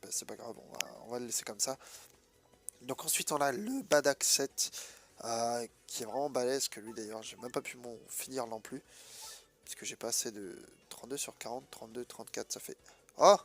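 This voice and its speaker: A man's voice: mid-range voice, moderate pace, soft background music. A man with a stuffed-up, nasal voice from a head cold, giving casual, colloquial gameplay commentary and hesitating as he thinks aloud. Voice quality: congested, nasal. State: sick with a blocked nose. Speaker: gaming video host.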